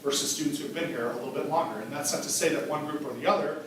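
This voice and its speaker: A man with a fairly high voice talks very fast over crowd noise, explaining assessment data to a school board. His manner is conversational, and he often repeats words as he thinks aloud. He's in a board meeting room, picked up by a table microphone.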